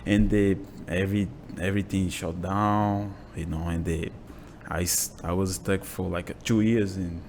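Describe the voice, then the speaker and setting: A Brazilian man in his twenties, a native Portuguese speaker with a Brazilian Portuguese accent, appears as a guest in a casual interview in a small home gym, where he is a jiu-jitsu instructor. His English is halting and full of "you know" fillers, delivered in a low, steady, slightly mellow voice over faint background noise.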